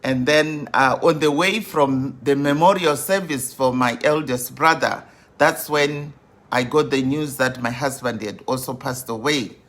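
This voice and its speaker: A woman in her fifties, a grief coach hosting a live stream, welcoming viewers over and over in an unhurried way with many fillers. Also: very deep voice. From Zimbabwe.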